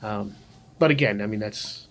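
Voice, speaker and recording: An older man telling a personal story in a casual vlog, rambling with frequent pauses and restarts. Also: on the low side, a bit bright, slight background noise. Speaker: vlogger.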